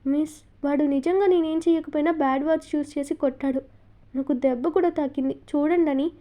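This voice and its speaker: A woman's voice: high voice, fairly even intonation, normal speed, dark tone, close to an everyday voice. A woman voicing a tearful, innocent young schoolgirl in a storybook reading, with a pleading tone. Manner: sobbing, pleading tone.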